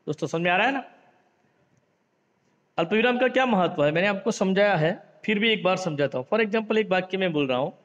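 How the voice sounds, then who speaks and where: A man teaching a grammar lesson, explaining slowly with examples, mixing in English words, addressing the class as friends, and lifting his voice to act out the example sentences. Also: high voice, lively intonation, a bit bright. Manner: reads example sentences in a lifted, acted voice. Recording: dull lo-fi sound in a reverberant room.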